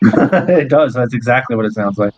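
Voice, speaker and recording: A man's voice: medium pitch, expressive, normal speed, very noisy. A man narrating a tabletop game as game master, laid-back and joking, swearing often. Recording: dull, dry recording.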